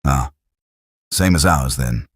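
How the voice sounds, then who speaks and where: A man's voice: rumbling low, slow pace, breathy edge, no echo, studio quality, full character voice. A man doing a cheeky young British private. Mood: teasing. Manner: breezy and teasing.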